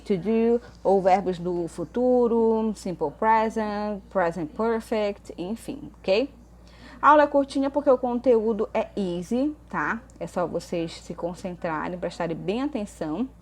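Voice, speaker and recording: A woman's voice: mid-range voice, a little mellow. A woman English teacher with a Brazilian Portuguese accent, explaining grammar in a remote lesson and checking in often with "ok?" and "tá?". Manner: slows down to read English examples aloud.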